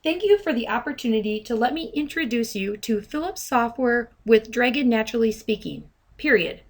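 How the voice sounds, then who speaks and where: Her fairly high voice is expressive as she voices over a screen recording, demonstrating software as a trainer. She proceeds in a careful, instructional manner and clearly pronounces each dictated command.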